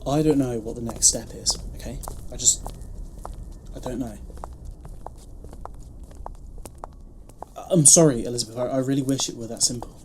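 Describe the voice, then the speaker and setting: An actor in an audio drama playing the Doctor, a brisk, grave and protective time traveller who speaks with urgent emphasis. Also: mid-range voice, background noise, lightly acted. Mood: apologetic.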